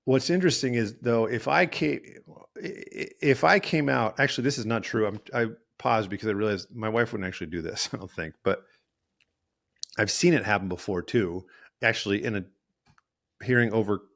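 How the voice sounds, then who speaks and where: Rambling, self-correcting man, fairly low voice. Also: normal speed, gravelly, fairly bright tone. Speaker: podcast host and therapist. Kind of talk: casual monologue.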